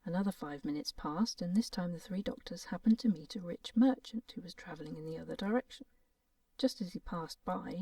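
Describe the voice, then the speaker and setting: A woman reads a fairy tale in a gentle, playful, soft-spoken way, slipping into half-whispers. Her voice is low and warm. The recording is dry and a little distant from the mic. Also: dry recording. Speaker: storyteller.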